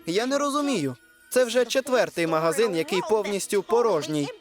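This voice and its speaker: A cocky wisecracking hedgehog hero. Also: male voice, high voice, lively intonation, a little fast, music in the background. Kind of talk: Ukrainian cartoon dub.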